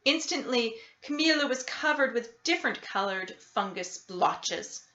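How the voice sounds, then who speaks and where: A woman reading a children's picture book aloud expressively, with deliberate dramatic emphasis. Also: a little high, animated, pushed and bright. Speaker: storybook reader. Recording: roomy, slightly dull sound.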